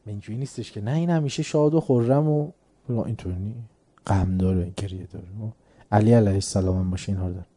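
Dark-voiced man telling a moral story. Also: lowish voice. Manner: anecdotal, conversational, chuckling at his own story. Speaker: lecturer. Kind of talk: religious lecture with storytelling.

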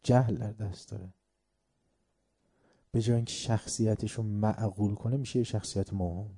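Very dark-voiced man giving an emphatic religious lecture. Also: lowish voice, no room sound, studio quality. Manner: emphatic, repeats word lists, asks rhetorical questions; tells folk anecdotes, acting out the characters.

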